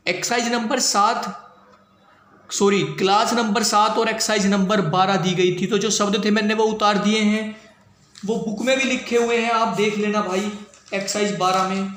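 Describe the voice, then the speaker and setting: A man's voice: sits high, fairly bright tone. A man teaching a shorthand class in a casual, patient way, repeating each step and often checking that his students follow. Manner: repeats points, keeps asking if it is clear. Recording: echoey room with faint ambient noise.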